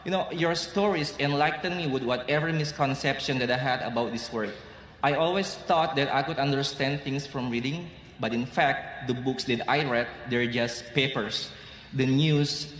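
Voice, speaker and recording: A man's voice: medium pitch, a bit bright, slight background noise. A man with an Indonesian accent, giving an earnest, grateful commencement speech with light humor in a large hall. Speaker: graduation speaker. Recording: echoey hall with crowd.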